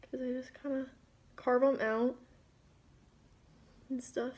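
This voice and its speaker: Female beauty vlogger, higher register, casual rambling makeup-tutorial chat. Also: little pitch movement, takes it slowly, darkish tone. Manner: informal, rambling, self-interrupting asides.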